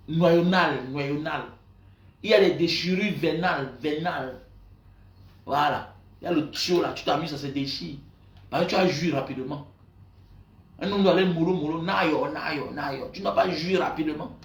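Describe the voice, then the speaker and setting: A man's voice: fairly high pitch, normal speed, recorded from a distance. A man, a pastor, chatting on a live stream to viewers, rambling and repetitive, greeting them by name and growing heated. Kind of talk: casual live-stream chat. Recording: echoey room, voice off-mic.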